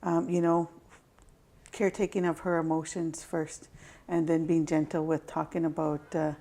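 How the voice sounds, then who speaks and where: Gentle woman guest, deep and mellow, thoughtful pauses. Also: level tone. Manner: thoughtful, gentle, pausing to find words. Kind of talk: reflective interview answers.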